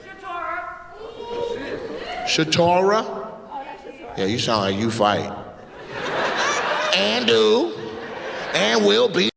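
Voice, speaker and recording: On stage at a large comedy venue, a male stand-up comedian does brash, teasing, quick-witted crowd work. His gravelly voice sits high and swoops wildly in pitch, and the live recording carries long reverb and a loud, noisy background.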